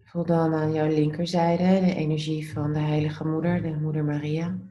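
A woman leading a guided meditation in a calm, soothing, gently instructive way. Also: deep voice, normal speed, echoey room, highs cut off.

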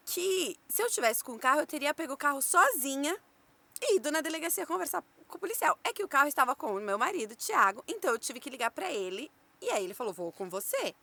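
Bright-voiced Brazilian woman telling a story. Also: sits high, fast, vocal fry, dry recording. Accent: Brazilian Portuguese. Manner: animated storyteller, acts out quotes, laughs often. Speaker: podcast host telling a story. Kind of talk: casual podcast chat.

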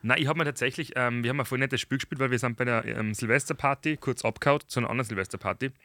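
A young man, a podcast host, chatting casually and acting out stories with lively dialogue. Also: medium pitch, very fast, no echo. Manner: animated storyteller, acts out dialogue. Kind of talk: casual chat.

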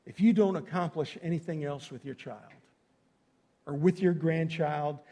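A man's voice: on the high side, normal speed, dark tone. A man preaching to a congregation as a pastor, speaking emphatically and directly to his listeners in a folksy way, repeating phrases for effect. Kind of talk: sermon to a congregation.

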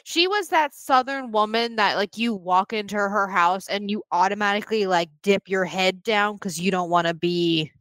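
A woman's voice: mid-range voice, normal speed, hardly any pauses, fairly bright tone, clean tone, dry recording. A young woman co-hosting a podcast, reacting bluntly with swearing and laughter in casual chat. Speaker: podcast co-host.

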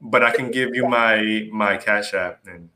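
Hosting a laid-back podcast, this man has a bright, forceful voice on the low side and speaks at a measured pace. He's playful, hyped, loose and upbeat, repeatedly asking his audience "right?" and "you know what I mean".

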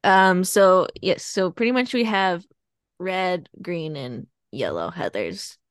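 A woman co-host with a fairly low, clear, resonant voice speaks expressively at a slow pace. Chatting casually, she retells a plot in a rambling way with fillers and laughs. No room sound is present, and the studio sound is clean.

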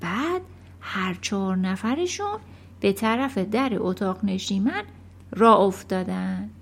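A woman reading a children's novel aloud in an expressive storytelling manner. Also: mid-range voice, gravelly. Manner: expressive, animated. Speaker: audiobook narrator.

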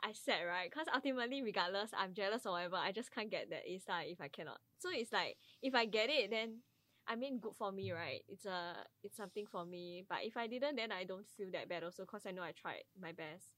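A young Singaporean woman chats in Singlish with a bright, forward voice at medium pitch. She sounds like a student in a casual group discussion, recorded close and dry. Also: expressive, a little fast, no room sound. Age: young adult. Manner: Singlish with local particles. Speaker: university student on a podcast.

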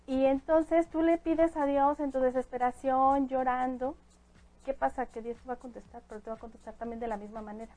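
Guest spot: fairly high-voiced woman, calm and explanatory, spiritual adviser. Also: brisk, rough recording. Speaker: guest angel reader. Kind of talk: casual chat.

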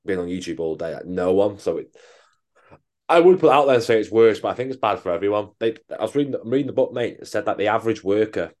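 Fast, sweary man, low voice. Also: animated, darkish tone. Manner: sweary, rambling, banter. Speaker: podcast co-host. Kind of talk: casual podcast chat.

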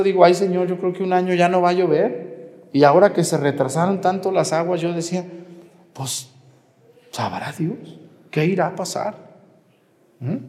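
A man's voice: high voice, a little mellow, big-room sound. A man with a Mexican Spanish accent, a parish priest giving a sermon and putting questions to the congregation in a conversational way. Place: church.

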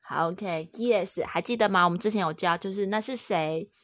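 Mom-teacher type, mid-pitched woman, patient and coaxing, slows down to model each word, casual home lesson. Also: fairly bright tone, no room sound. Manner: patient, coaxing, repeats words slowly and clearly; switches between Chinese, French and English. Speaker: French teacher and mother. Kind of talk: casual French lesson with her young daughter.

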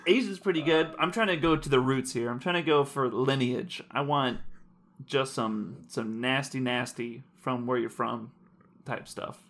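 A man's voice: medium pitch, unhurried, a bit bright. A man hosting a casual podcast chat, laid-back and teasing. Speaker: podcast host.

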